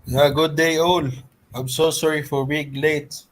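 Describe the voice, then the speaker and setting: A business development consultant introducing himself on a video call, apologetic at first and full of uhs. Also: male voice, a little high, level tone, a little slow, rough recording.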